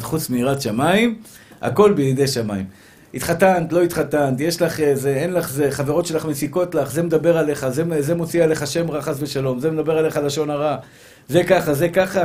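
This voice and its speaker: A man, a rabbi, giving an animated sermon full of rhetorical questions and repeated phrases, his speech a little slurred after tooth extractions. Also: a little high. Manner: animated, acts out little scenes and voices.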